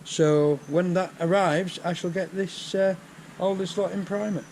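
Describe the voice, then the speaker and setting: Older Yorkshire man, slightly high voice, casual step-by-step workshop talk, faint noise behind. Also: steady tone, unhurried, darkish tone, low-quality recording. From England. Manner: chatty, explains each job step by step. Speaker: vlogger restoring a tractor. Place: home workshop.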